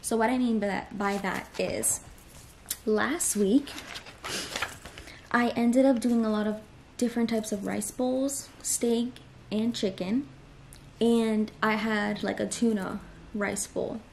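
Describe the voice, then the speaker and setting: Talking groceries and meal prep in her small apartment living room, a young lifestyle vlogger in her twenties stays upbeat and chatty, piling on fillers. Her fairly high, darkish voice has vocal fry and fairly even intonation, moving slowly with long pauses, over a little hiss or hum.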